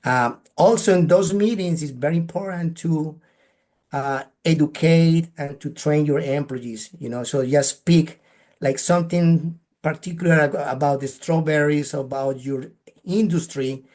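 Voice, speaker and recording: Here a fairly high, slightly mellow male voice moves at an unhurried pace. He's a Colombian guest speaker with a Colombian Spanish accent, earnestly sharing practical advice in a webinar and frequently ending remarks with a questioning "right?"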